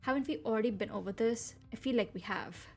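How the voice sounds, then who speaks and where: A woman reading the lines of a sly, indulgent male vampire club owner in a game, smooth and lazily persuasive. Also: a little high, fast, a little mellow, soft background music, natural voice. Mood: coaxing.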